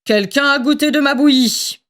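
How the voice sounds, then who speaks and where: A woman voicing a big father bear who growls his words gruffly. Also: high voice, normal speed, a bit bright, voice pushed up.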